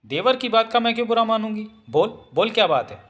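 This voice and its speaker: A woman's voice: on the high side, expressive, fast talker, pitched above the performer's own voice, natural voice. A male narrator voicing a young wife who talks in a sugary, teasing, coaxing way in a storybook reading. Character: sweet-talking scheming young wife, teasing. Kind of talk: audiobook character voice.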